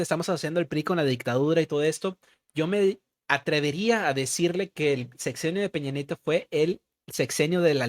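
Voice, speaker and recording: A young man with a Mexican accent and a fairly high voice co-hosts a laid-back political podcast chat, constantly slipping "güey" into his slangy speech. The recording is dry.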